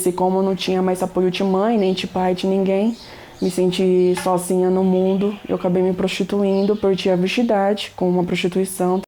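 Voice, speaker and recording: Speaking at a moderate pace, a young adult Brazilian resident reflects on her life in a personal testimony. Her medium-pitched voice is mellow and monotone, and she tends to end phrases with tag questions.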